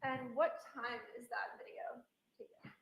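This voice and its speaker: A woman's voice: a little high, steady tone, a little slow, gravelly, a bit bright, echoey room, rough recording. A woman attorney cross-examining a witness with pointed, leading questions, heard in a courtroom recording. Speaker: trial attorney.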